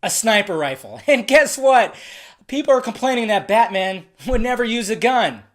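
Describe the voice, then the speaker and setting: A man giving a casual, ranting review of a movie trailer, excitable and profane, swinging between loud outbursts and muttered asides. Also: sits high, moderate pace, slight background noise.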